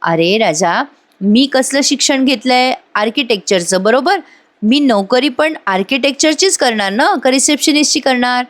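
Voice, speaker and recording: A woman's voice: high-pitched, expressive, normal speed. Woman doing an earnest young job seeker.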